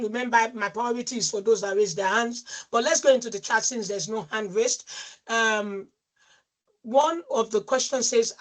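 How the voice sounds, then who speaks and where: A woman hosts an online talk over a video call in a high voice. She affirms her co-host and keeps the session moving from one question to the next. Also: fairly bright tone. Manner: affirming, directive, moves the session along. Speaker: host and facilitator.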